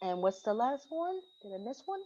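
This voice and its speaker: A woman reads a collective poem to open an orientation, pitched a little high and taking each line in its own measured beat. The sound comes through a dull, lo-fi video call. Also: sing-song, a little mellow. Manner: measured, pausing between list items. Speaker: orientation organizer. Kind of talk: reading a collective poem aloud.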